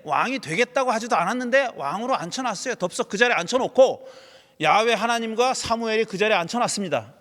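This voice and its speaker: A man preaching a sermon as a pastor, animated, voicing laments and rhetorical questions. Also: sits high. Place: church sanctuary. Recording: church hall with long reverb.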